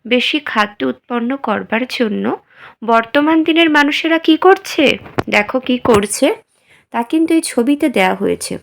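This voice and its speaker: A woman teacher with a slightly high voice talks through a lesson at a slow, careful pace. She is feeling a little unwell, and she keeps asking the class questions and then answering them herself. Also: animated, vocal fry. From West Bengal, India. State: feeling unwell, speaking slowly. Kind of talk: slow, simple classroom explanation.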